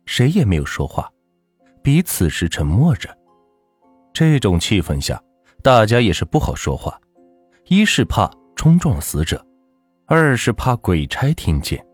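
A man narrating a folk ghost story in a dramatic, measured way. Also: lowish voice, a little mellow, husky, no room sound.

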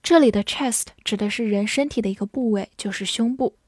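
A woman teaching English vocabulary, spelling words letter by letter and reading example sentences slowly for students to repeat. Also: mid-range voice, darkish tone, breathy edge, dry recording, clean studio sound. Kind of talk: scripted vocabulary lesson.

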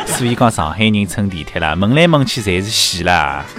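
A man's voice: on the low side, moderate pace, faint music behind. A man with a Shanghainese accent hosting a joke-telling show, mixing Shanghainese and Mandarin and laughing at his own punchlines. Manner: lively, switches between Shanghainese and Mandarin, laughs at own jokes. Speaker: radio-style comedy host.

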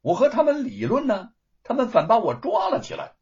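A man's voice: very high-pitched, huge pitch swings, fairly quick, a little mellow, breathy edge, pitched above the performer's own voice, heavily acted. A male storyteller voicing a clever, mischievous young scholar who teases and talks his way out of trouble. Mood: polite. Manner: mischievous, teasing. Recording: dull lo-fi recording.

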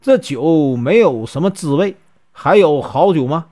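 A man's voice: fairly high pitch, expressive, a little slow, mellow. A man voicing a bold, fearless hero who speaks bluntly and curtly. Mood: probing. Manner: blunt, curt.

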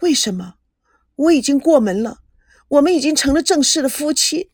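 A woman's voice: high voice, expressive, moderate pace, no echo, studio quality, voice pushed up. Woman reading as a spirited young bride. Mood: distressed. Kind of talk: storybook reading with voices.

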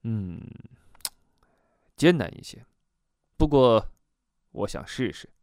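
A calm woman hypnotist who speaks low, measured and sure of herself, as a man narrating a storybook puts her on. The read swings freely in pitch, and the close recording is dry with no room sound. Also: no echo, exaggerated voice. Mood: steady.

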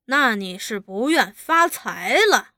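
A woman voicing a scheming, cruel male officer who mocks and threatens, barking orders loudly. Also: on the high side, sing-song, slow pace, no echo, clean studio sound, heavily acted. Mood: menacing. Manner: mocking, threatening, loud barked orders.

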